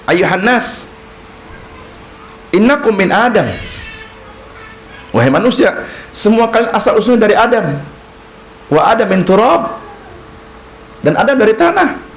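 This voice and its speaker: A man's voice: high-pitched, reverberant, a little hiss or hum, rough recording. A male preacher giving a mosque study lecture, asking questions and answering them himself and acting out short exchanges. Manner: lively, acts out short dialogues, asks and answers himself. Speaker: Islamic preacher teaching creed. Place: mosque hall.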